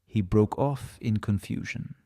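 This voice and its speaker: A man's voice: fairly low pitch, unhurried, mellow. A man with a Russian accent reading literary fiction aloud as a scripted audiobook narration.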